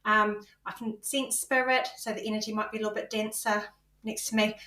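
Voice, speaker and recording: A British woman co-hosts a casual podcast, talking things through with plenty of ums and quick laughs. Her voice sits at an ordinary middle pitch. The recording is roomy and echoey, like a small hard-walled space. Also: level tone, pushed and bright. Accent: British English. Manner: laughs easily, halting with many ums. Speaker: podcast co-host. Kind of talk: casual chat about spiritual experiences. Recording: echoey, boxy room sound.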